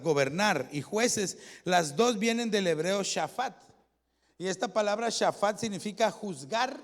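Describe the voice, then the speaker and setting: Male pastor, high voice, chatty sermon delivery with rhetorical questions, recorded in a reverberant church. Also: fairly bright tone. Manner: conversational preaching, addresses "hermano", asks rhetorical questions; explains Hebrew word meanings.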